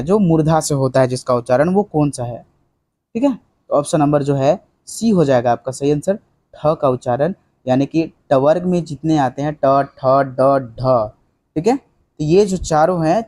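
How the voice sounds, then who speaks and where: Mellow-voiced male tutor quizzing students. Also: a little high. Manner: conversational, fills with "ठीक है", quizzes students rhetorically, mixes in English. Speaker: exam coaching teacher. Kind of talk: online exam-prep lesson, solving quiz questions.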